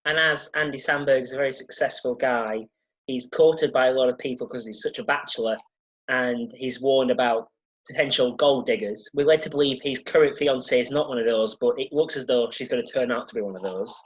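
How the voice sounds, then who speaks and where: A man's voice: mid-range voice, brisk, breathy edge, muffled recording. A man co-hosting a casual film review chat, rambling and jokey, often losing his thread. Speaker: podcast co-host.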